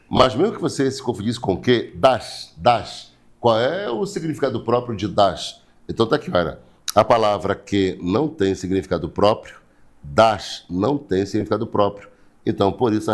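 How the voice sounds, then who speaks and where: A Brazilian man teaching an online writing class, repeating key points step by step and reading viewers' names. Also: on the low side. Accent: Brazilian Portuguese. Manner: repetitive, explains step by step, asks rhetorical questions; greets viewers by name, blesses them.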